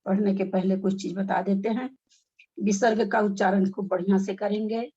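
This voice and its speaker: A woman's voice: mid-range voice, steady tone, normal speed, mellow, husky. A woman teaching a class on a video call, coaching the group through careful, syllable-by-syllable recitation. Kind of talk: online recitation lesson. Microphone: phone on a video call. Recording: dull lo-fi video call audio.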